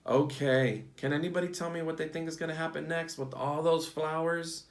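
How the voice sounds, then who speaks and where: A man reads a picture book aloud to children, using simple, teacherly phrasing and prompting his listeners along the way. His voice is a little high and steady, at a moderate pace, and the recording sounds echoey and roomy.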